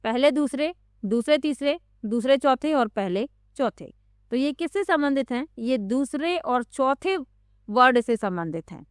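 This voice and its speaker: Smooth-voiced woman teaching exam questions. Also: sits high, animated, unhurried, no room sound, studio quality. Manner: reads options then explains answer.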